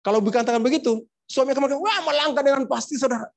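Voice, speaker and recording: A man's voice: extremely high pitch, rapid-fire, gravelly. A man preaching a sermon as a pastor in a church, joking and acting out household dialogues between husbands and wives. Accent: Indonesian. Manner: playful, acts out household dialogues.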